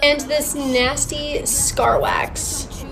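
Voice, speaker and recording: Slow, high-voiced young woman narrating makeup removal. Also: fairly even intonation, over music. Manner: slow, grossed-out commentary.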